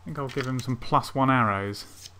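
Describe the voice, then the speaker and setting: A man's voice: medium pitch, moderate pace, pushed and bright, slight background noise. A man giving casual let's play commentary, thinking aloud hesitantly as he plans his moves. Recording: game music behind voice.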